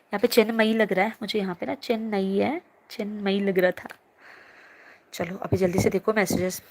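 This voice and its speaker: A woman's voice: medium pitch, little pitch movement, moderate pace, a little mellow. A young woman teacher holding a live online class from her phone, reading students' chat comments aloud and answering them in a chatty, teasing way.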